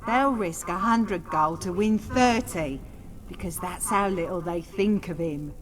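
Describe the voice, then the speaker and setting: A woman's voice: fairly low pitch, unhurried, natural voice. A woman playing a shrewd, plainspoken bookmaker at a fight pit in a fantasy video game. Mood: wry, worldly. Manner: folksy, plainspoken. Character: brisk shrewd female fight-pit bookmaker, daughter of a gambler. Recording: hall reverb, faint noise.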